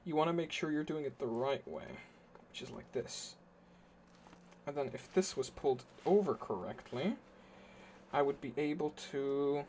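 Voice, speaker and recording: A man chatting on a casual live stream, thinking aloud as he explains what he is doing, in an easygoing way. His voice sits at an ordinary middle pitch and sounds a little worn from talking. A faint hiss of noise stays under it. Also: darkish tone.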